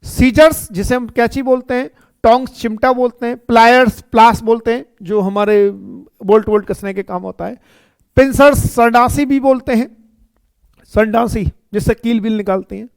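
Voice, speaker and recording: High-voiced man teaching grammar. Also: fairly even intonation, clean tone, dry recording. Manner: explains slowly and repeats, often checking with "ठीक है" and "है ना". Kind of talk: classroom lecture.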